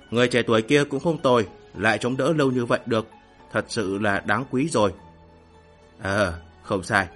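A man puts on an old onlooker in a storybook audiobook, pitched deep and low. He speaks slowly and thoughtfully, sizing up a fight with quiet authority. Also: lightly acted. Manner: measured, thoughtful musing. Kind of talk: audiobook character voicing.

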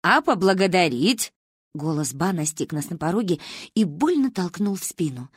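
A woman narrating an audiobook in a playful, animated storytelling manner. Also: on the low side, normal speed, breathy edge, no echo, studio quality.

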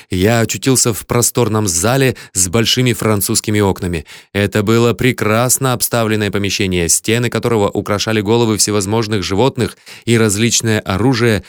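A man's voice: fairly low pitch, smooth, no echo. A man narrating an adventure audiobook in the first person, telling it vividly from a close studio mic. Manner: vivid, shouts the hero's angry lines.

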